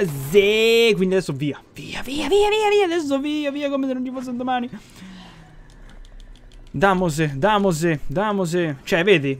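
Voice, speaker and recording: A young man with a high voice, chattering through a gameplay session at his desk mic. He swears freely, taunts the characters on screen and jumps to shouting when things go wrong. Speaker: gaming channel host. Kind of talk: casual gameplay commentary.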